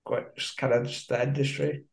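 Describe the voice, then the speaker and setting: A man's voice: medium pitch, flat delivery, moderate pace, gravelly. A man with a broad Scottish accent hosting a podcast in an informal, matey, slangy way. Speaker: podcast host. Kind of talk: casual interview chat. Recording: echoey room sound.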